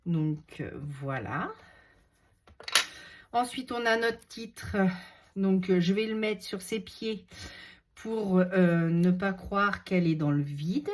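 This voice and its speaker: A woman with a runny nose chatting casually while she shows a craft project, relaxed and talkative as she works. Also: medium pitch, takes it slowly, long pauses, a little hiss or hum. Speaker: craft video host. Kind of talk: casual craft tutorial chat.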